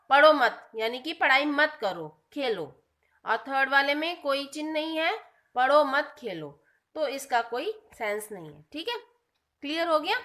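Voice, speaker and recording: एक शिक्षिका जो बच्चों को व्याकरण का पाठ पढ़ाती है और बीच-बीच में पूछती है कि समझ आया या नहीं।. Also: female voice, high-pitched, pushed and bright. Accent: Hindi. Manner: asks pupils check questions, explains simply. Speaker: school teacher. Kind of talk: classroom grammar lesson.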